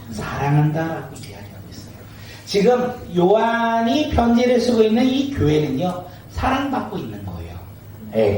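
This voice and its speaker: High-voiced pastor preaching in an echoey hall. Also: male voice. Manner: asks the congregation questions and waits for replies; lively, acts out everyday scenes with laughter. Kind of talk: sermon. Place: church sanctuary. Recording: echoey church hall from a distance.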